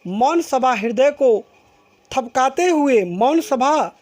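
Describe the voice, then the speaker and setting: Woman teacher walking a class through a poem, unhurried, keeps restating lines. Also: sits high, expressive, darkish tone. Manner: slow and repetitive, rephrasing each line several times. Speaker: school teacher. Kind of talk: explaining a poem line by line in class.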